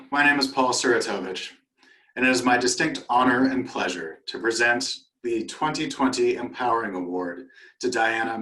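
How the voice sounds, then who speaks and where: Mid-pitched man, measured formal award reading, echoey room. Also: fairly bright tone. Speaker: award presenter. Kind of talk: read award presentation.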